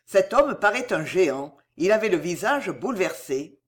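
A woman narrating a classic novel aloud as an audiobook reader, in a slow, expressive manner. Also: lowish voice. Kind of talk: scripted narration of a children's classic.

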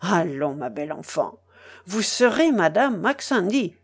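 A woman reading aloud voices a fierce, sardonic male pirate, dropping her voice low and sounding threatening. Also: big pitch swings, unhurried, breathy edge, full character voice. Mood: menacing. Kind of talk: dramatic reading of a novel.

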